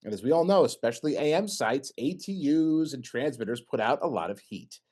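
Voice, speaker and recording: A middle-aged man gives an informal technical talk with slides. His pitch swings widely and animatedly. He jokes and throws questions to the audience. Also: a little fast. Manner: lively, joking, asks audience questions. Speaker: presenter at an engineering society meeting.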